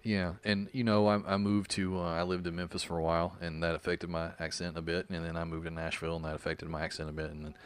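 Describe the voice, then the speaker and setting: A man's voice: low-pitched, flat delivery, quick pace, few pauses, smooth. A man with an Arkansas country Southern accent, chatting casually and telling rambling, self-deprecating stories as a podcast co-host. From Arkansas, United States. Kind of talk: casual conversational storytelling.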